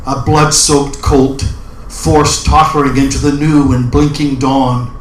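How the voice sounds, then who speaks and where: A man speaks as an open mic poet, with slow, deliberate phrasing and a medium-pitched voice. The sound is roomy, with some faint noise behind him. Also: flat delivery. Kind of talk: spoken introduction and dramatic poetry recital. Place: indoor open mic event room. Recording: roomy live recording with background noise.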